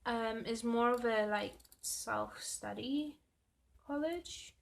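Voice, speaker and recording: A planner vlogger from South Africa, a native Afrikaans speaker, chats slowly and self-deprecatingly while she plans, muttering as she works. Her voice is a little high and carries vocal fry. The recording has faint noise in the background.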